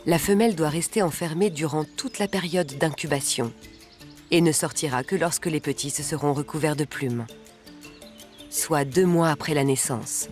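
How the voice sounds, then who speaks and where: A narrator reading a scripted nature documentary in a measured, articulate way. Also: mid-range voice. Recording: background music under the voice. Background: music.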